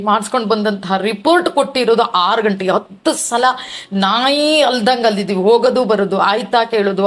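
Woman, middle-aged, grieving testimony, halting repetitions, mid pitch. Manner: grieving, repeats words and restarts. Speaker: devotee sharing her testimony. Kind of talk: emotional personal testimony.

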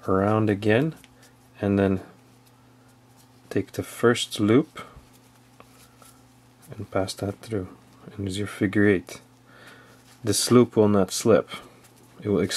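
A man's voice: low-pitched, a little mellow. A man giving a casual how-to demonstration as an outdoor skills instructor, explaining plainly step by step with some fillers.

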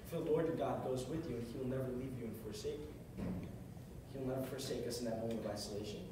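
A medium-pitched young man talks fast through a brief, earnest sermon, repeating phrases for emphasis. He delivers it from a music stand on stage in a large, carpeted hall. Recorded from across the room on a camera, the sound carries echo and noise.

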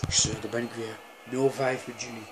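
A young man giving loud, playful commentary over a football video game match. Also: mid-range voice, flat delivery, moderate pace. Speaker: gaming video creator. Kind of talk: excited gameplay commentary.

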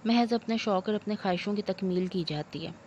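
A woman's voice: medium pitch, brisk, darkish tone, highs cut off, a little hiss or hum, close to an everyday voice. A woman putting on a wailing aggrieved mother-in-law. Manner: wailing complaints, theatrical laments. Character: aging scolding mother-in-law, self-pitying and loud.

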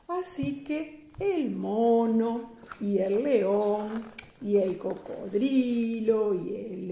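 Slow sing-song grandmother storyteller. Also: fairly high pitch, mellow, echoey room. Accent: Rioplatense Spanish. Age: older. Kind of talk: reading a children's picture book aloud.

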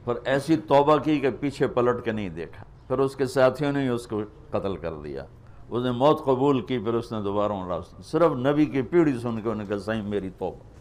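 A man preaching an emotional sermon, telling stories with passion and stretching his phrases slowly at key moments. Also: medium pitch, lively intonation, a little mellow. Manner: impassioned storytelling, drawn-out pleading phrases.

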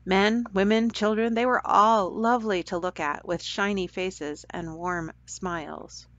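A woman telling a children's story aloud for a church program in a gentle, caring way. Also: mid-range voice, steady tone, unhurried, no room sound. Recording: dull dry lo-fi recording.

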